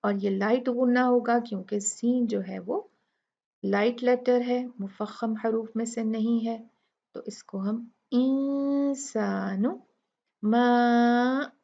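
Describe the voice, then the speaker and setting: Slow gravelly woman teaching tajweed. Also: on the high side, steady tone, dark tone, muffled recording. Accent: Urdu. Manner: explains rules step by step, then recites words slowly. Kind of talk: Quran recitation lesson.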